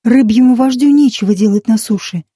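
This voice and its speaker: A young village aunt, played by a woman, speaks with a mellow, slightly husky tone, lightly teasing one moment and sternly scolding the next. The voice sits a little high, with a dry, close sound. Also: brisk, no room sound. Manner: teasing, then sharp and scolding.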